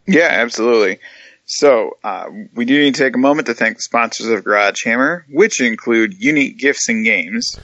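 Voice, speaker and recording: Podcast co-host: male, medium register, sharp bright tone, easy conversational hosting style. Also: medium pitch, moderate pace, dry recording, lo-fi sound.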